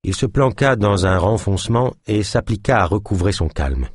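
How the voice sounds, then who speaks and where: A man narrating a thriller novel as an audiobook in a steady, measured reading. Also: on the low side, breathy edge, no room sound, studio quality.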